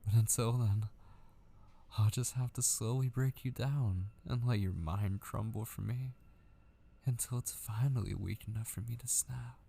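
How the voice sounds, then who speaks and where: In an intimate ASMR roleplay, a man plays an obsessive, possessive kidnapper, patient and menacing in a coldly possessive mood. His mid-range voice stays hushed at a measured pace and often slips into a breathy whisper.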